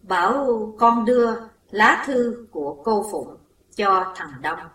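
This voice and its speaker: A woman's voice: medium pitch, expressive, slow, a bit bright. A woman voicing a timid servant woman who is frightened and stammering, recorded in a roomy space away from the mic. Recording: roomy echo, distant mic.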